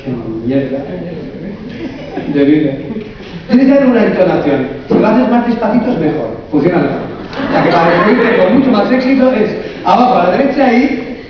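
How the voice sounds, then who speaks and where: A man's voice: sits high, lively intonation, fast. A man, a coach and therapist giving a humorous live conference talk, asking the audience lots of rhetorical questions. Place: large echoey conference hall. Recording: echoey hall from far off, dull sound.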